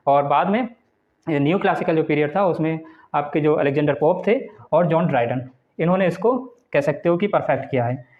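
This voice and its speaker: A man teaching a lecture for exam students, slowly reading out English definitions and then explaining them point by point. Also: on the high side. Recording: dull lo-fi recording.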